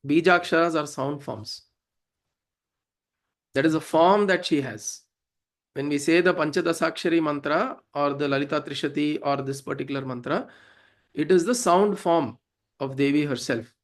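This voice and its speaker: A man's voice: on the high side, normal speed, pauses often. A man with a South Indian accent explaining devotional verses as a teacher, in an informal, didactic way with frequent check-in questions. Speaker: teacher of Sanskrit devotional hymns.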